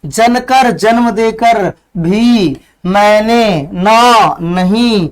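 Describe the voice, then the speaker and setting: A male teacher lectures on a poem in a smooth, clear, rather high voice. He moves at an unhurried pace, going over phrases again and explaining word meanings simply.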